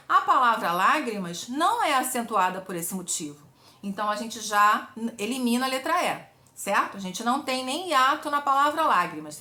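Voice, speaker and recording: A Brazilian woman with a bright, clear voice walks through a grammar exam-prep lesson. She keeps a didactic rhythm, asking questions and answering them herself, and her voice rings in an echoey room. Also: a little high. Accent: Brazilian Portuguese. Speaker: Portuguese teacher.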